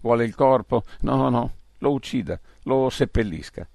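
A man reading the part of a frightened old man in a wheelchair, halting and hesitant, in an audiobook. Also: mid-range voice, animated, creaky, darkish tone, no echo, clean studio sound. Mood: fearful.

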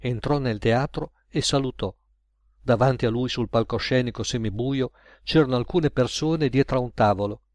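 A man reading a comic tale aloud in a measured, wry way, at an ordinary pitch. The sound is very dry and close, with no room around it. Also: a little mellow, no room sound. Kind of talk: storybook narration.

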